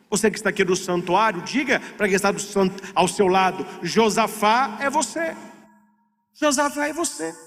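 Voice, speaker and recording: A man preaching a sermon in a church sanctuary, exhorting the congregation with repeated calls. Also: high voice. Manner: animated, exhorting the congregation with repetition. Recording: long sanctuary reverb.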